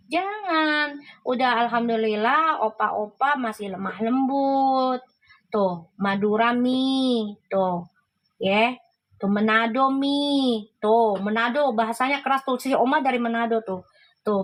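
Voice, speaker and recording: A woman's voice: on the high side, low-quality recording. A woman hosting a casual livestream, chatting and reacting to viewer comments, laughing often.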